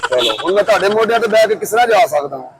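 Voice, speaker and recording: A man's voice: sits high, lively intonation, rapid-fire, very noisy. A man with a Punjabi accent from Pakistan, doing a street prank, pleading for money, then teasing with insults. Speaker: prank comedian.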